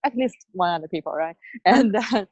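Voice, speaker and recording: A woman life coach as an interview guest, lively, laughing often, with fillers. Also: mid-range voice, normal speed, dry recording, muffled recording. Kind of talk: casual interview. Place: near a construction site.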